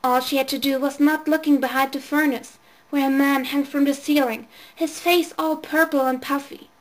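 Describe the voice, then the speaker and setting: A woman reading a novel aloud in a measured, clear storytelling manner. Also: high voice, fairly even intonation. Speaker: audiobook reader. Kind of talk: scripted narration of a novel.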